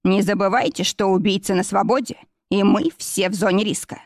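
A woman reading the part of a joking, fussy middle-aged man, a pathologist, in a slower, drawn-out manner. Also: medium pitch, steady tone, darkish tone, no room sound, studio quality, natural voice.

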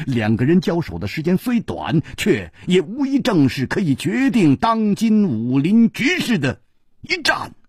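Male storyteller, wuxia audiobook, husky voice, very animated pitch, slow deliberate delivery, dry close sound. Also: no echo. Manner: theatrical, with sweeping rises and falls. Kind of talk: dramatic wuxia audiobook narration.

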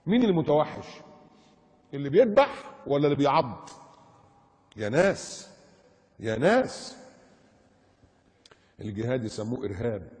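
Sarcastic Egyptian preacher in an echoey hall. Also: male voice, on the high side, darkish tone, husky. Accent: Egyptian Arabic. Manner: mocking, sarcastic, rhetorical questions. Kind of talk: sermon.

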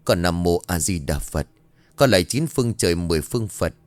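A man's voice: low voice, expressive, fairly quick, dry recording. Earnest pleading young woman, as a man reads her. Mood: prayerful.

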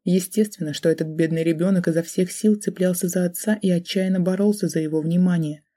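A woman narrating an audiobook in the first person. Her voice is mellow and dark with a husky edge, and she tells the story with emotion. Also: fairly low pitch, fairly even intonation, brisk.

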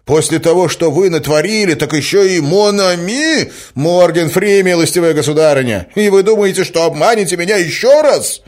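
A man voicing an indignant young suitor who has been jilted and shouts in a rage, his voice raised far above his narrating voice. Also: medium pitch, expressive, a little slow, voice pushed up, close to an everyday voice. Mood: furious. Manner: shouting, furious, sputtering.

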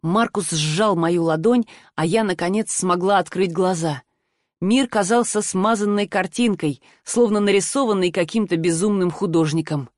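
A woman reading a first-person audiobook in a measured storytelling manner. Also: fairly low pitch, a little mellow, dry recording, studio quality. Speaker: audiobook narrator.

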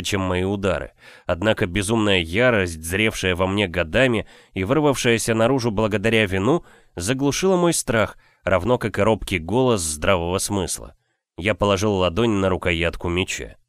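A man narrating a first-person novel in a measured, expressive reading. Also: lowish voice, no room sound, clean studio sound. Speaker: audiobook reader.

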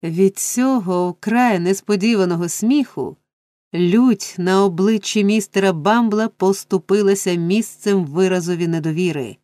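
A woman's voice: medium pitch, no room sound. Woman narrating a classic novel. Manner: measured, expressive storytelling. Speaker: audiobook narrator. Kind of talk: scripted literary narration.

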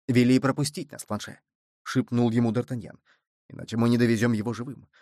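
Man doing a bold musketeer; brisk, confident, dry read. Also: medium pitch, fairly even intonation, mellow, no room sound, lightly acted. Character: bold cunning male musketeer, quick-witted.

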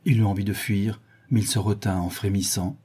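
A man narrating a classic novel in a measured, dramatic reading. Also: lowish voice, fairly even intonation, warm tone, breathy edge. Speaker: audiobook narrator. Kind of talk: scripted narration.

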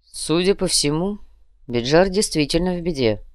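Woman voicing a cool, calm male grand master. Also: lowish voice, no room sound, studio quality, close to an everyday voice. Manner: measured, softly ironic.

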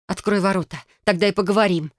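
A woman voicing a hot-tempered young witch heroine who snaps and shouts in fury. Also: expressive, brisk, dry recording, studio quality. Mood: furious. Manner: shrill, shouting, furious.

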